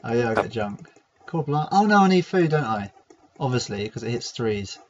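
A man chatting excitedly and joking around with teammates over gaming voice chat on a headset mic. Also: mid-range voice, a little fast. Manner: excitable and jokey. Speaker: gamer. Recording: slightly dull lo-fi mic with faint noise.

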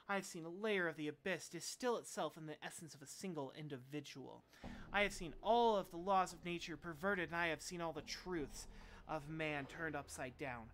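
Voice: mid-range voice, fairly bright tone, slight background noise, lightly acted. A streamer reading as a bitter, despairing recluse. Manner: bitter, weary ranting. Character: bitter despairing man locked in his tower.

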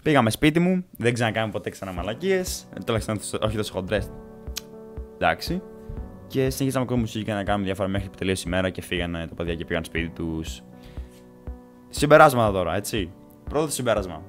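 A man vlogger telling a story from his childhood in a casual, animated way, swearing and acting out scenes. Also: on the low side, soft background music. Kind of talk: story time vlog.

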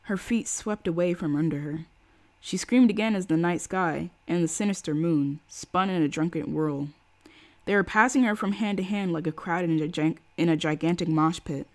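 Woman streamer reading a tense novel out loud, lowish voice, acts out the dialogue. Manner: reads with acted quotes, pausing for chat. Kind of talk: expressive reading aloud.

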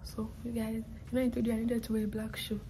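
A woman's voice: fairly high pitch, monotone, fast talker. A woman in her twenties chatting straight to her viewers in a casual vlog, telling them about her day. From not from Canada, studying there. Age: 20s. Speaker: vlogger. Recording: noisy with crowd chatter.

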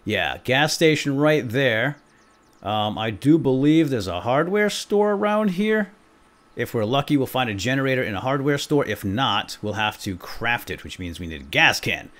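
A gaming video host with a medium-pitched voice delivers excitable role-play commentary over gameplay. He's playful, full of exclamations and quick bursts of repeated words.

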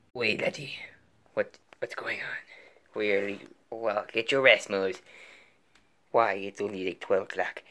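A lowish, slightly bright male voice with vocal fry comes from a young man voicing plush toys in a made-up skit. He performs indoors on his bedroom floor and desk, frequently dropping to a whisper.

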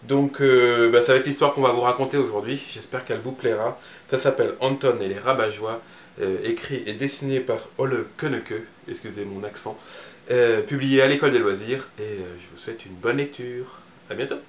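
A man's voice: medium pitch, a little fast, roomy sound. A man presenting and reading a picture book aloud, casual and hesitant with many fillers.

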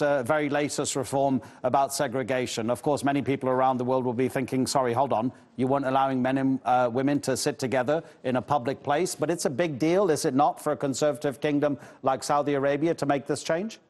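Brisk male news anchor. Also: medium pitch, fairly even intonation, a little mellow. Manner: brisk, leading questions. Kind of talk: studio news interview. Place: large TV news studio.

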